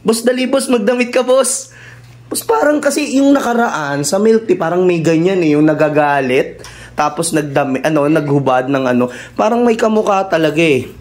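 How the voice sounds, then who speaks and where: A man's voice: on the high side, expressive, normal speed, darkish tone. A man acting, saying "boss" in nearly every line, mock-polite and then swearing. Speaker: comedy skit creator. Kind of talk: comedic skit acting.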